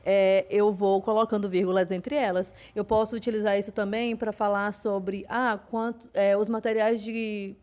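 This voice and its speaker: A woman's voice: medium pitch, little pitch movement, normal speed, hardly any pauses, darkish tone. A woman with a Brazilian Portuguese accent teaching a class, explaining patiently with frequent fillers and restarts. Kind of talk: online class lecture.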